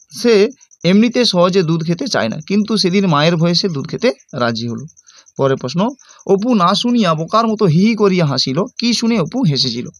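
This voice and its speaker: A brisk male teacher with a Bengali accent from West Bengal reads out exam questions and then explains each answer directly to his students. His voice sits a little high for a man and moves at a fast clip. The sound is close and dry, with no room around it. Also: no echo. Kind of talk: exam-prep lesson.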